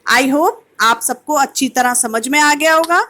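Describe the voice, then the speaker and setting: A woman's voice: high-pitched, measured pace, pushed and bright. A woman teacher giving an online kindergarten lesson, patiently sounding out words syllable by syllable. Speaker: primary school teacher.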